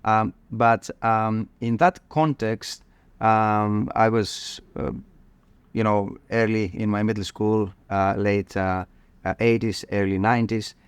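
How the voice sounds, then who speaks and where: A man from Greece with a Greek accent, a cardiologist guest on a podcast, talking in a halting way with many fillers and restarts. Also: lowish voice, little pitch movement, smooth, no echo. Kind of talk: podcast interview.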